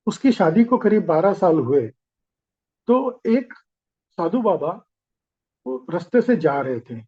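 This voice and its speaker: A man telling a moral tale in a spiritual discourse, in a homely way with pauses, on a slightly muffled recording. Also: a little high, mellow, breathy edge. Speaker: spiritual speaker. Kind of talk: storytelling discourse.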